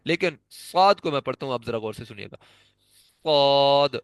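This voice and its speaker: With an expressive, mid-range voice and a fairly bright tone, a man patiently teaches how to pronounce letter sounds in Quran recitation, demonstrating them again and again. The recording carries no room sound.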